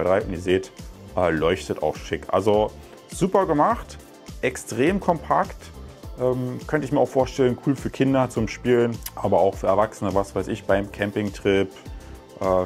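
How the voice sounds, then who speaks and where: A man in his thirties with a fairly low, darkish voice reviews gadgets casually in his home living room. As a tech reviewer, he explains in a chatty manner, sprinkling in lots of fillers.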